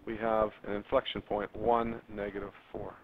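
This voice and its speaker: Speaking at a normal pace in a fairly low, gravelly voice, a man gives his class a math lesson and talks straight to the students. His delivery is lively, drawing words out and jumping up on important terms. It's a tinny, phone-like lo-fi classroom recording with a little background noise.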